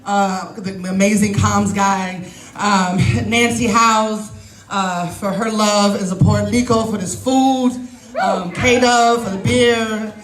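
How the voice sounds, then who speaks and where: A woman's voice: medium pitch, steady tone, slow. A woman candidate giving an emphatic, off-the-cuff rally speech, often laughing. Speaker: political candidate. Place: large indoor event hall. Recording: echoey hall with crowd and music.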